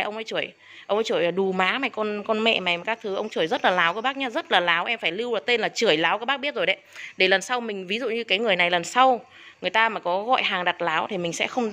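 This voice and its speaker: A woman rattles along at a quick clip, talking straight to her viewers as she shows her orchids. She sounds indignant and keeps circling back over the same points, her voice sitting at an ordinary middle pitch. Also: a bit bright. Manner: indignant, repeats herself, addresses viewers as elders. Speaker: orchid seller. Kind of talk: casual sales video talk to viewers.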